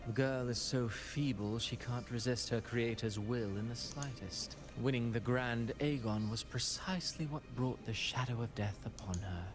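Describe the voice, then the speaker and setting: An actor playing a suave, cold and calculating conspirator in a video game, speaking in a smooth, courtly, theatrical manner. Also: male voice, mid-range voice, moderate pace, hardly any pauses, lightly acted. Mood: smooth, sinister. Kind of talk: scripted video game dialogue. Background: game music.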